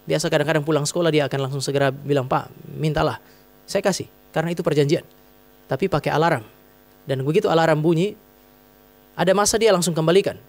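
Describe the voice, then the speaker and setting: A man preaching a sermon as pastor, conversational and humorous, acting out quotes as he tells stories. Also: on the high side. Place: church hall.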